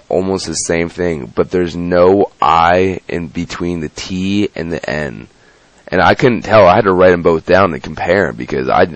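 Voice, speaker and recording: A man's voice: low voice, no echo. A young man telling his viewers a story in a rambling, annoyed way, restarting often and swearing. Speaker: YouTube channel owner. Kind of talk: casual vlog rant to viewers.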